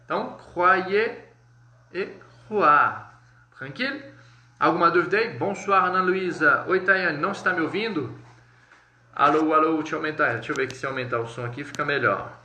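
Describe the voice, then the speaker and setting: In an echoey room with a little hiss or hum, a Brazilian-accented man teaches French live online in a slightly high voice with a sharp tone. He explains step by step, keeps checking in with viewers, and says French words slowly and clearly.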